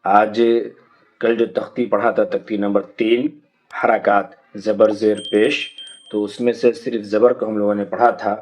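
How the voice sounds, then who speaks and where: A man's voice: on the low side, little pitch movement, a little mellow, rough recording. A man teaching young children to read the Quranic alphabet, patiently repeating each letter sound and drawing it out. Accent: Indian Urdu. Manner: slow drawn-out drilling of letter sounds.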